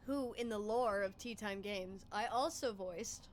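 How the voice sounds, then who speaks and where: A woman's voice: medium pitch, a little slow, slight background noise. A woman co-host chatting casually and laughing along on a game stream. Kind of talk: casual chat. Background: game music.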